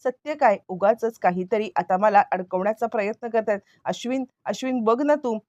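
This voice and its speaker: A woman's voice: on the high side, normal speed, darkish tone, dry recording, highs cut off, close to an everyday voice. A woman voicing a frightened young woman impostor who has been caught lying, protesting shrilly. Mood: panicked.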